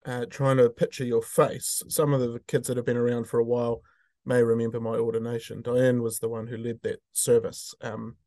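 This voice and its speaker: A man's voice: medium pitch, little pitch movement, moderate pace, dark tone, dry recording. A man with a New Zealand accent hosting a reflective programme and interviewing a guest. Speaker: host, school chaplain.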